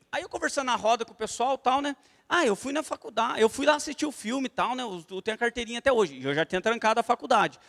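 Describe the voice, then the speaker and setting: Brief: Brazilian man leading a church class, strikingly high voice, lively storyteller, long church-hall reverb. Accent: Brazilian Portuguese. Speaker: church evangelism teacher.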